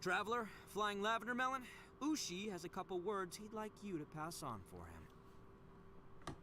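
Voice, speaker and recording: Wildly animated, brash young gang boss. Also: male voice, high-pitched, a little hiss or hum, full character voice. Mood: earnest. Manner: cocky, bombastic, drawn-out emphatic words. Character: brash, boisterous, good-hearted young male gang boss. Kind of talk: video game voice acting.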